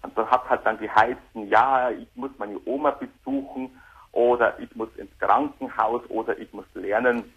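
A man in his thirties calling in on a speakerphone headset, talking in a hesitant, halting way over a dull phone line. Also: mid-range voice, steady tone, fairly bright tone, husky. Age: 30s. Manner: hesitant, halting, repeats words. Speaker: caller. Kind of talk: call-in radio conversation.

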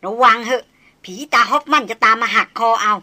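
A feisty young woman talks back in a bold, teasing way, as a woman reading the story voices her. Her voice sits fairly high and sounds bright and crisp. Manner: teasing, bold, quick-tempered. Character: feisty sharp-tongued young Thai woman.

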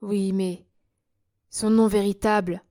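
A woman's voice: mid-range voice, little pitch movement, slow, mellow, natural voice. A woman voicing a brave young working-class man who fires off surprised questions in an audiobook.

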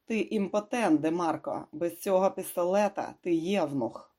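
A reader doing a desperate doctor near shouting. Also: medium pitch, moderate pace, lightly acted. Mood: goading. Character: desperate male doctor goading his captor.

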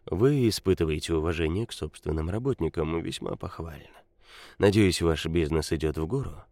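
Quiet, courteous mob consigliere, low and dry, probing , read by a male narrator. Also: normal speed, dry recording. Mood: smooth, probing. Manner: quiet, polite, insinuating. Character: cool, calculating male mafia consigliere.

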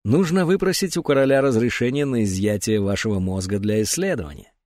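Man voicing a calm, wry male doctor with dry humour. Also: lowish voice, brisk, no room sound, close to an everyday voice.

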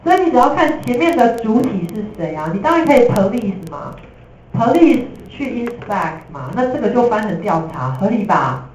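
A woman teacher with a Taiwanese Mandarin accent gives a lively, jokey classroom lecture, slipping in English terms. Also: a little high, moderate pace, slight background noise. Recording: echoey room from a distance.

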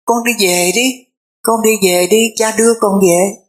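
A woman's voice: medium pitch, fairly even intonation, measured pace, close to an everyday voice. A woman voicing a grieving wealthy father who pleads with his son. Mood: pleading. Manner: pleading, repeating words.

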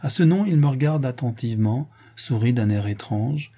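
A man reading an audiobook and voicing a remorseful young soldier making a halting confession. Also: medium pitch, expressive, mellow, husky. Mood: ashamed.

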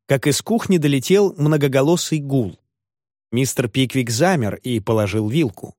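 A man's voice: mid-range voice, darkish tone, dry recording, studio quality. A man narrating a classic novel as an audiobook, voicing each of the characters himself. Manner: voices the characters.

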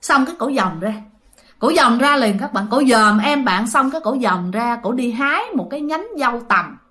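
High, bright Southern Vietnamese woman storyteller. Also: expressive, moderate pace. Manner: chatty, addresses listeners directly. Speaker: ghost story narrator. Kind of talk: casual storytelling.

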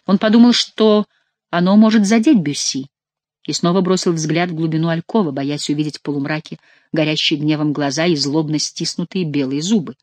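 A narrator giving an expressive, theatrical reading of a historical novel. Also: medium pitch, a little fast, no echo. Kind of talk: audiobook narration.

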